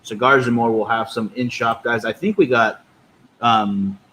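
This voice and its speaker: A man's voice: medium pitch, steady tone, unhurried, a bit bright, low-quality recording. A man co-hosting a podcast, talking in a casual, conversational review style. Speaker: podcast co-host. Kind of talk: casual cigar review chat.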